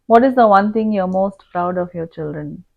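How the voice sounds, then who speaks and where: A woman hosting a podcast, gently asking her father open questions and nodding along with soft affirmations. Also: mid-range voice, normal speed, vocal fry, narrow, tinny audio. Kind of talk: conversational interview.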